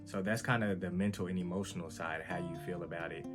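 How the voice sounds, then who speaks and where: Man, very deep voice, candid, earnest, restarts often, guitar music behind. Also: fairly even intonation, quick pace. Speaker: host. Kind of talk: personal testimony vlog.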